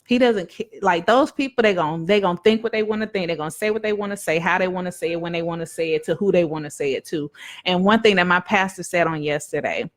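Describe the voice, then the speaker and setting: A woman minister delivers a casual devotional talk on a live stream, emphatic and repetitive in a preaching cadence, calling her viewers "y'all." She speaks fast, in a fairly low voice.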